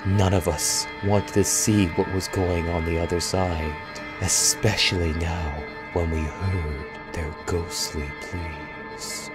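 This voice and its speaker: A man giving a dramatic first-person horror story reading in a grave, deliberate manner, trailing off quietly at phrase ends. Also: low voice, fairly even intonation. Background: faint music.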